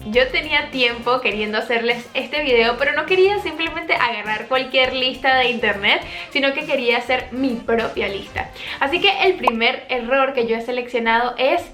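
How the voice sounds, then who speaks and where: A woman from Latin America teaching an online language lesson, explaining patiently and clearly. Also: sits high, expressive, echoey room, music in the background. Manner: clear, patient explaining with slowed-down example words. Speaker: English teacher.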